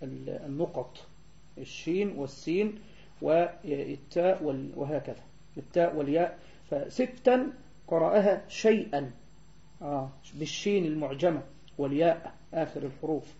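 Guy teaching a lesson, mellow voice, slows down to recite and spell stuff out, muffled lo-fi audio. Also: a little high, vocal fry. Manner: explanatory, slows to recite verses and spell out letters. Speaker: teacher of hadith sciences. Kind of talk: classroom lecture. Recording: dull lo-fi recording.

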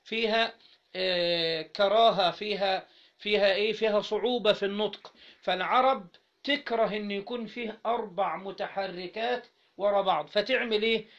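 A man with an Egyptian Arabic accent teaching Arabic grammar to a class, asking students questions again and again and spelling out syllables slowly. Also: high voice, a bit bright. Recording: dull lo-fi recording.

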